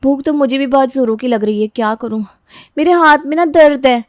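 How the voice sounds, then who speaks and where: A woman voicing a lazy, bossy young daughter-in-law who talks loudly and sharply. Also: sits high, brisk, no room sound, clean studio sound, voice pushed up, lightly acted. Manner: loud, bossy.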